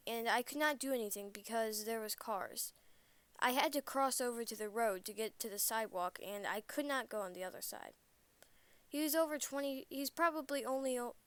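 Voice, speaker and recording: A woman's voice: a little high, fairly bright tone, clear, resonant tone, no room sound. A woman narrating a true scary story in first person, plain and a little hesitant, correcting herself as she goes.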